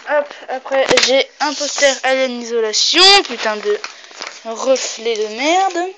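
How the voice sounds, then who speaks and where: Slow-talking young woman, casual vlog. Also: high-pitched. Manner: casual, swears often, hesitant with fillers. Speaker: video host. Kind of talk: casual vlog showing posters. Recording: dull lo-fi home recording with clear noise.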